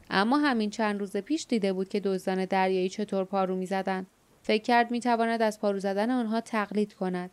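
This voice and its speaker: A woman narrating an audiobook in a measured, steady reading. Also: medium pitch, smooth. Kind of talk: scripted narration.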